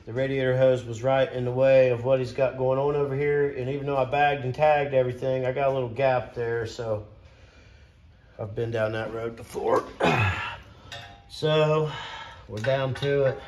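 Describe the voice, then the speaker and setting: A man's voice: mid-range voice, steady tone, moderate pace, echoey room, dull audio, background noise. A man, a mechanic chatting casually in a folksy, plainspoken way while he works. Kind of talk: casual chat while working on a truck.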